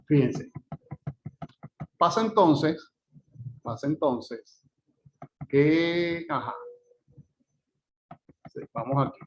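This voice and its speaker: A male teacher giving a phonetics lecture. He checks in often with his students and repeats example words slowly and carefully. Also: on the high side, a little hiss or hum.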